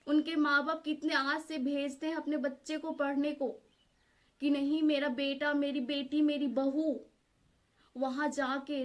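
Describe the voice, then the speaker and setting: Earnest high-voiced woman vlogger from Jharkhand. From Jharkhand, India. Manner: earnest, pleading, many fillers. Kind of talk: casual direct-to-camera vlog.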